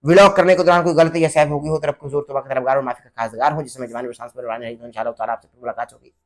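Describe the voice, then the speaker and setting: A man with a medium-pitched, fairly even voice speaks rapid-fire straight to camera, preachy and repetitive, issuing a challenge and urging someone to repent. He is an online religious commentator and vlogger making a direct-to-camera challenge vlog.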